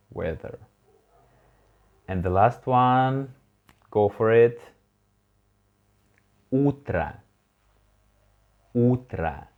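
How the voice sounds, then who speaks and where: Slow, deep-voiced male language tutor. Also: phone-quality sound. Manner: patient, encouraging, prompts learner to repeat words. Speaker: language teacher. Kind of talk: online language lesson.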